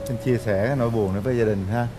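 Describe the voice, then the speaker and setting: A man's voice: mid-range voice, fairly even intonation, racing, music in the background. A man hosts a TV talk show. He prompts his guests with short, friendly questions that end in "ha" or "nha".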